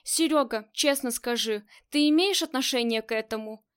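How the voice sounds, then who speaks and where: A woman's voice: fairly high pitch, moderate pace, fairly bright tone, clean tone, natural voice. A woman voicing a stubborn, tough female gang leader in an audiobook, curt and commanding. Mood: tense. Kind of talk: audiobook character reading.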